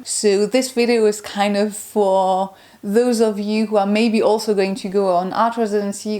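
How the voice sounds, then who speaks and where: A woman's voice: mid-range voice, a little mellow. Nasal, congested woman presenting casually. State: congested from a slight cold. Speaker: art vlogger, presenter. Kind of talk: casual explanatory video talk.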